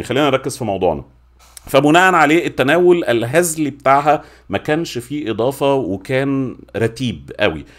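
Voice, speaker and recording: A man in his forties with an Egyptian accent reviewing in natural unscripted talk, informal and emphatic, repeating words for stress, at a desk microphone. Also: lowish voice. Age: 40s. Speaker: YouTube film and series reviewer. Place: small home studio room. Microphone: desk microphone with pop filter.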